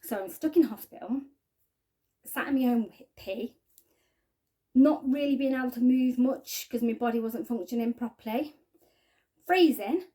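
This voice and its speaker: A woman giving a halting, earnest personal testimony to camera, often trailing off quietly. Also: on the high side. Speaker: spiking victim sharing her story.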